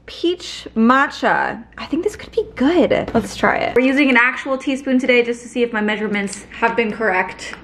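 Młoda kobieta z Kanady nagrywa swobodny vlog w domu i mówi do kamery pogodnie i z wieloma wtrąceniami. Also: female voice, on the high side, animated, normal speed, few pauses, a bit bright, roomy sound, a little hiss or hum. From Canada. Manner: chatty, upbeat, many "like" fillers. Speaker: vlogger. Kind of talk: casual vlog chat to camera. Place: apartment at home.

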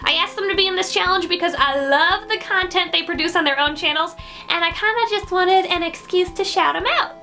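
A woman's voice: extremely high pitch, a little fast, bright, forceful tone, faint music behind. A young woman hosting a video, narrating a challenge in a scripted, upbeat vlog style. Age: young adult. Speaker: vlog host. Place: bedroom.

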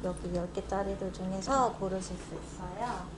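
A woman's voice: mid-range voice, moderate pace, very noisy. A young woman optician in a contact lens shop, speaking through a face mask as she patiently explains products to a customer. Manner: polite, patient and informative.

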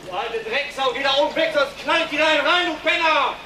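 A man's voice: very high voice, brisk. A man screaming threats and curses in a berserk rage, outdoors on a street, picked up by a distant microphone. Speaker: hostage taker. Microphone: far camera microphone. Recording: distant echoey shouting, noisy street, archive footage.

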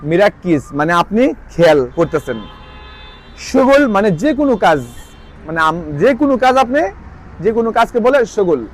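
Man, high-pitched, casual language tutor, repeats each phrase slowly. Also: sing-song, a little hiss or hum. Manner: repeats phrases slowly, explains with "ঠিক আছে?" checks. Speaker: language teacher. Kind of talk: casual spoken lesson.

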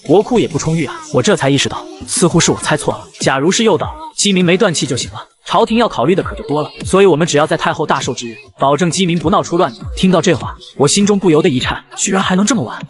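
A man's voice: fairly high pitch, animated, racing, few pauses. A man narrating a comic story in the first person at speed, voicing every character with little change. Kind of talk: manhua recap narration.

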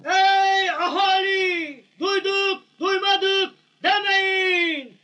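An actor playing a village town crier, shouting a public proclamation in loud, drawn-out calls. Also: male voice, very high voice, fairly even intonation, heavily acted. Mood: proclaiming, emphatic. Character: village town crier bellowing official announcements. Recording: noisy, hissy old film soundtrack.

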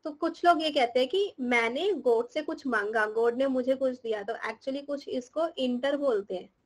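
A young teacher lectures live in a mix of Hindi and English, defining terms while quizzing, ribbing, and scolding her students, laughing frequently. She speaks at a moderate pace in a high-pitched voice, and the recording is low quality.

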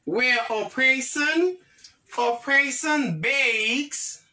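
With a sharp tone and a high voice, a woman with a Haitian accent leads an online vocabulary lesson in English, French and Creole, slowly repeating every word and frequently checking with "ok?".

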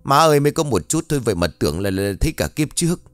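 Guy doing a cranky old dad, grumbling, lively pitch swings. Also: very fast, no room sound, soft background music, natural voice. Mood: grumbling gruff. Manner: gruff, cursing. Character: grumpy older village father.

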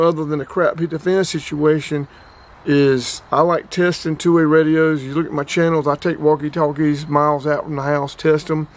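In a cramped storage room near the camera, a North Carolina outdoors and radio channel host in his fifties demos a product on his casual vlog, his plain-spoken talk rambling and repeating itself. His voice leans high.

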